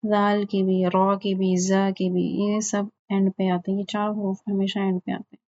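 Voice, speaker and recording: A woman teaching a class, slowly and patiently drilling letter sounds one by one and checking with her students. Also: medium pitch, little pitch movement, a little mellow, dull audio. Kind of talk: online lesson on Arabic letter pronunciation.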